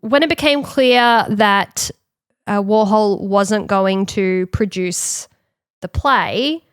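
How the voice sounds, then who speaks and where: A woman co-hosting a podcast, retelling a story in casual chat and acting out quick quotes. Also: medium pitch, smooth, no room sound, studio quality. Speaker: podcast co-host.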